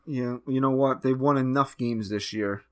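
A man's voice: medium pitch, normal speed, a bit bright. A man in his thirties co-hosting a casual sports podcast from his home, teasing and sarcastic. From United States. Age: 30s. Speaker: podcast co-host.

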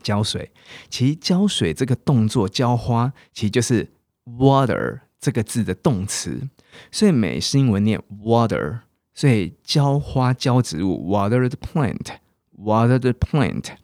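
A man with a Taiwanese Mandarin accent, hosting a casual podcast English lesson and coaxing listeners to repeat example words slowly. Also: mid-range voice, very animated, darkish tone, no echo, clean studio sound. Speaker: English teacher and podcast host.

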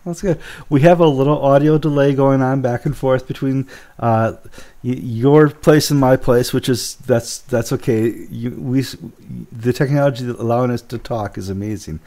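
Husky, congested man hosting, mellow and dark. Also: medium pitch, steady tone, moderate pace. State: hoarse and stuffed up with a cold. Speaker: programme host. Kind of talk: casual conversational hosting.

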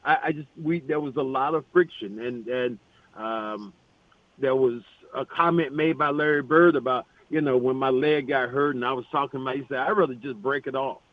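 A man in his sixties, a retired basketball player and author, telling animated anecdotes as an interview guest by phone, often restarting his sentences. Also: medium pitch, moderate pace, no room sound. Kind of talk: storytelling in a radio interview. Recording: tinny phone line.

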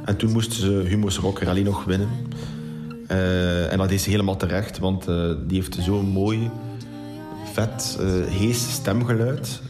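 A man presenting music recommendations in a measured way, with small hesitations. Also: low-pitched, fairly even intonation. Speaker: music ambassador for Belgium. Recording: music bed underneath.

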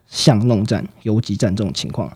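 A man explaining market outlooks in a fast, explanatory way, with frequent fillers and sentence-final particles. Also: fairly low pitch, lively intonation, a little mellow, husky, no echo, clean studio sound. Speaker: market analyst guest. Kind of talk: financial commentary chat.

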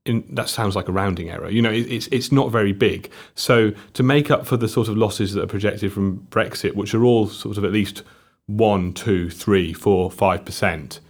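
On a discussion panel, a young guest from South Wales talks through economics with a South Welsh accent, his delivery measured but prone to stumbles and fresh starts. His voice sits on the low side.

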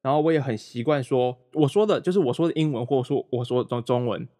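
Talking fast in a medium-pitched, dark-toned voice, this former roommate joins a remote call as a guest. The young man from Malaysia chats casually, rambling with frequent restarts and self-deprecating humor.

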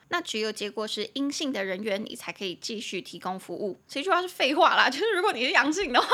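A young woman with a Taiwanese Mandarin accent hosts a podcast English lesson, chatty and playful, slowing down to spell out and drill new words. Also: mid-range voice, sharp tone. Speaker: English teacher and podcast host. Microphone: podcast microphone.

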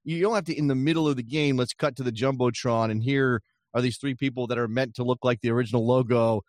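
A man hosting a casual sports chat, telling things in an animated way with rhetorical questions and asides. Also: medium pitch, fast talker, no room sound, studio quality. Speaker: podcast host.

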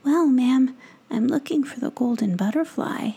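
A woman's voice: high-pitched, expressive, a little slow, gravelly, dark tone, slightly rough, voice pushed up, exaggerated voice. Woman whispering as a shy young gnome boy. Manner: hesitant, polite, whispered.

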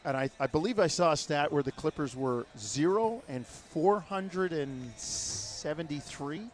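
A man co-hosting sports radio, asking conversational questions in a halting but emphatic way. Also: a little high, animated. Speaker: sports radio co-host, interviewer.

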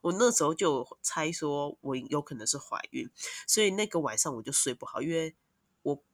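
A woman, a mother of two, telling long, animated stories as a podcast guest. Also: low voice, moderate pace, no echo, studio quality. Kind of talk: casual podcast chat.

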